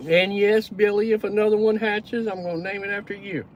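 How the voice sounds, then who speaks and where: A man's voice: high voice, little pitch movement, brisk, a little hiss or hum. A Texan man hosting a casual livestream, chatting in a folksy way and greeting viewers by name. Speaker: livestream host. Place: pickup truck.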